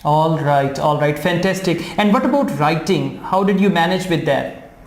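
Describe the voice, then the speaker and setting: A man's voice: on the high side, moderate pace, slight background noise. A man with a Pakistani accent hosting an interview by call, politely asking questions and saying okay after each answer. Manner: polite, repeats short acknowledgments. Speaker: IELTS trainer and host. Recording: roomy echo.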